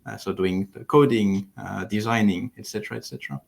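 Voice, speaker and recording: A man from France with a low, gravelly edge to his voice, thoughtful and explanatory. He speaks over a headset on a video call from a home living room. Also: steady tone, fairly quick. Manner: thoughtful, explanatory, with frequent restarts. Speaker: platform engineering lead. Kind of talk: livestream interview.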